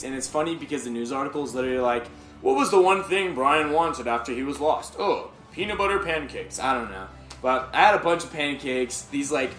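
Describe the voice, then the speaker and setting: A young man casually telling a personal story to his viewers, rambling and filling his speech with "like". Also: mid-range voice. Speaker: vlogger. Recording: roomy echo.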